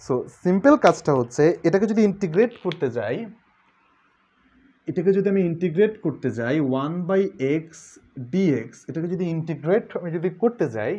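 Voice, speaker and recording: A man's voice: fairly high pitch, mellow. A young man tutoring calculus online, chatty and joking, slipping English words into his talk. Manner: chatty, mixes English words, jokes with students. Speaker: math tutor. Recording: dull lo-fi sound.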